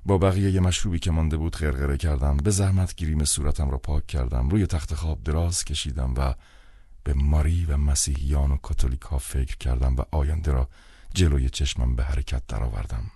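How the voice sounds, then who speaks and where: Brief: male audiobook narrator, extremely low bass, dry studio sound, measured deadpan delivery. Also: breathy edge, dry recording. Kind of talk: scripted literary narration.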